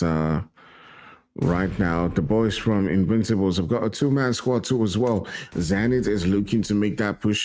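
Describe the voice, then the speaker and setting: A man giving casual esports color commentary, often repeating phrases. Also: low-pitched. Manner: relaxed, repeats himself with fillers. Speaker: esports co-caster.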